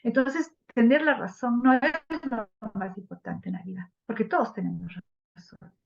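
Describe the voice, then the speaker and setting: A woman teaching a flower therapy class, lively, often acting out the people she quotes. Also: a little high, moderate pace, gravelly. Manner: lively, acts out quoted people in changed voices. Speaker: instructor of a flower therapy workshop. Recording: dull lo-fi class recording.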